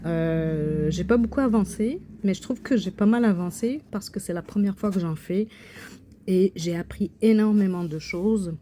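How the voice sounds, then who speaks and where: A woman's voice: medium pitch, moderate pace, mellow, slight background noise. A woman showing her coloring and embroidery work in a casual vlog, full of hesitations and restarts. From Quebec. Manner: hesitant, many fillers and restarts. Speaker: craft channel host. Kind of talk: casual show-and-tell vlog.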